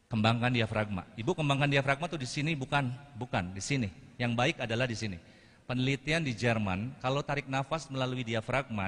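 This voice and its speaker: A man gives a lively motivational talk. He coaches the audience through breathing exercises and adds frequent Islamic interjections. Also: medium pitch. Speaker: motivational speaker. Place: TV studio with a live audience. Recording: live TV studio broadcast with reverb.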